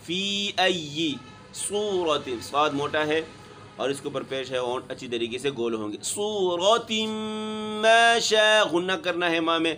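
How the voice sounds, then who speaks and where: A man teaching Quran recitation. He chants each verse slowly and melodically, then explains the pronunciation of the letters quickly in a lower, plainer speaking voice. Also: fairly bright tone, slight background noise. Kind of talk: tajweed lesson, recitation with explanation.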